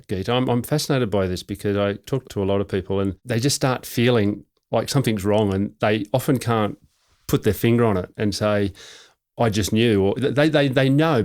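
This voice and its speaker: Host: middle-aged man, low voice, relaxed and halting delivery. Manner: relaxed, repeats words and restarts. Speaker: podcast host. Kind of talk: conversational interview.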